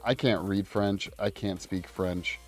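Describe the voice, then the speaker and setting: A talkative man chats on a livestream call in a fairly low voice. He fills his sentences with ums and uhs and laughs easily. Faint music plays in the background. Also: fairly even intonation, slow pace, a little mellow. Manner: chatty, laughs often, many fillers. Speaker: streamer. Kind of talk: casual chat on a livestream call.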